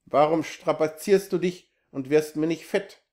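A man reading the part of a gruff, scheming male town sorcerer who scolds harshly. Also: fairly high pitch, fairly even intonation, normal speed, a little mellow, natural voice. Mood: scolding.

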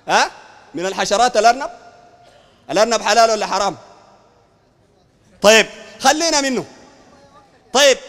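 Sudanese male preacher in a combative debate, strikingly high voice, long hall reverb. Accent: Sudanese Arabic. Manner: combative, fires rhetorical questions, shouts at times. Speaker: Islamic preacher. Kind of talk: heated public debate.

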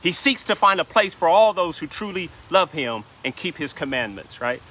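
A man's voice: fairly high pitch, sing-song, moderate pace, bright, forceful tone, slightly rough. A man preaching as a pastor, reading King James scripture in a rhythmic cadence and adding "right?" asides. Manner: reads scripture aloud in King James wording. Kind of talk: sermon.

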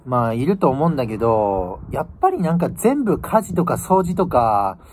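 A vlogger in his twenties from northern Japan muses casually to the camera in slangy speech, standing outdoors by a building in winter. His medium-pitched voice is very animated and a little mellow at a moderate pace. The phone microphone picks up outdoor ambient noise.

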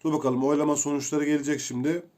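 A young man giving casual, excitable commentary while playing a video game, chatting to his viewers as he goes. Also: fairly high pitch, quick pace. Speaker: gameplay streamer.

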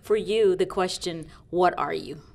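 A middle-aged woman hosting a podcast panel, introducing guests and asking questions in a lively, upbeat way. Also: on the low side, unhurried, creaky, dry recording. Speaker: podcast host. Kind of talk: casual panel talk.

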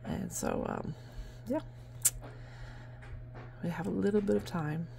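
A middle-aged woman from New Hampshire, USA, talks casually to the camera about her barn sales, rambling and using plenty of fillers. She's a vlogger and barn sale seller, filmed on a handheld phone while sitting at a table indoors at home. Her voice is fairly low, slow, and dark-toned with vocal fry, and there's slight background noise.

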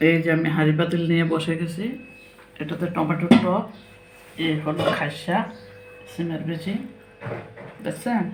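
A woman's voice: lowish voice, steady tone, moderate pace, long pauses, very noisy. An older woman chatting casually to viewers while eating, her mouth full at times. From Comilla, Bangladesh. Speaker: food vlogger. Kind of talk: casual chat to viewers over a meal.

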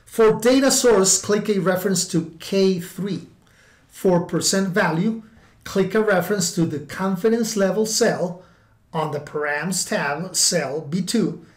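Roomy, dictating tutorial narrator with mid-range pitch. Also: darkish tone. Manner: dictating formulas slowly symbol by symbol, in measured fragments. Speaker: software tutorial instructor. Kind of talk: scripted step-by-step spreadsheet tutorial narration. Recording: roomy, echoing voice-over.

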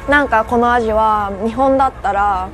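Young korean woman live on a phone mic, kansai-tinged accent, highish voice, faint street noise. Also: normal speed, a bit bright. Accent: Korean, with a Kansai lilt. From South Korea. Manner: chatty, answering viewer comments. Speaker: livestream host. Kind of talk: casual live walking stream. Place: outdoor rooftop in a city.

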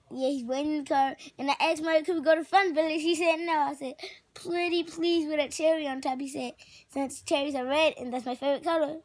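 A child performing an improvised plush puppet comedy skit, rambling and excited. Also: female voice, high voice. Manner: rambling, excited, sometimes shrieking.

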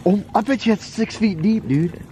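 A man's voice: high voice, normal speed, warm tone. A man tagging along on a forest hike, chatting casually and reacting to what they find with laid-back jokes. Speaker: hiking companion. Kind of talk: casual chat. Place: outdoors in a wooded forest. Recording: outdoor camera audio with noticeable noise.

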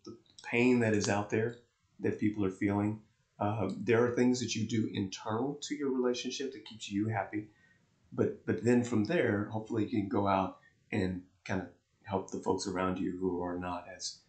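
A man's voice: fairly low pitch, darkish tone. A man co-hosting an astrology talk, explaining charts in a chatty, easygoing way and laughing easily. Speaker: astrology co-host. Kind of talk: explaining charts in casual chat. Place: warm indoor room. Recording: echoey room.

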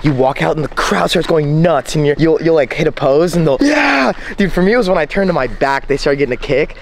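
A man's voice: a little high, fairly quick, gravelly, a little hiss or hum. A young man in his twenties, a bodybuilder, chatting casually in slang while walking down a street at night. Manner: excitable, laid-back slang. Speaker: vlogger, competitive bodybuilder. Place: outdoors on a suburban street at night.

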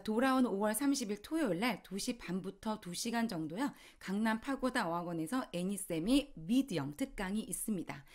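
Teacher drilling slowly. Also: female voice, medium pitch, darkish tone. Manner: explains in Korean, reads English lines slowly for repetition. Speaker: English teacher. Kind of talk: Korean-language English lesson with drills.

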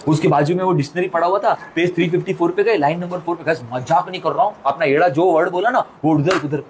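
Guy telling a funny story, chatty, pretty high voice, faint hiss. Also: fast. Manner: lively, chatty, colloquial Hindi with English words. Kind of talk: comic storytelling to an audience.

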